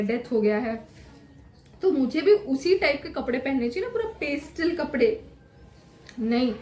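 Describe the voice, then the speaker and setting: Animated young woman telling a story. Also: high voice, slight background noise. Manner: lively, animated, self-mocking; says her voice is normally loud. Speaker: vlogger. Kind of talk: casual storytelling vlog. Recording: echoey room with faint ambience.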